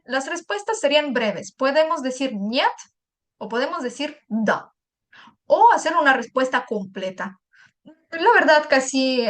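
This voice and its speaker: This high-voiced woman, a Russian teacher, has a fairly bright tone as she walks through a careful, step-by-step language lesson. Each example gets repeated and translated, and she drops in short asides to check in.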